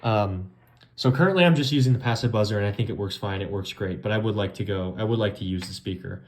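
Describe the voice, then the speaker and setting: A man's voice: fairly low pitch, fast, noisy background. A young man casually walking through his electronics project, informal and rambling, with fillers and trailing-off phrases. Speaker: hobbyist demonstrating an electronics project. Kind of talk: casual show-and-tell.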